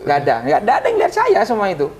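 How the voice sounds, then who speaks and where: Racing along with huge swings in pitch, this ustadz guest recounts a moving personal experience during an interview. His delivery is earnest, and his voice soars whenever he remembers the prayers he made.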